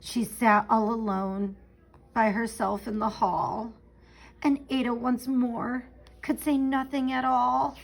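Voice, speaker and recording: A woman reading a rhyming children's picture book aloud in an expressive, theatrical way, stretching out key words for emphasis. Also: on the high side, slow, vocal fry, poor audio. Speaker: storybook reader.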